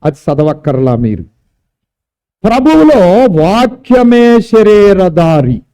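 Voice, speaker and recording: Male pastor preaching, high pitch, dark mellow tone, emphatic drawn-out words. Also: big pitch swings, smooth. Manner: emphatic preaching, repeating and drawing out key words. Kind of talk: sermon. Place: church service.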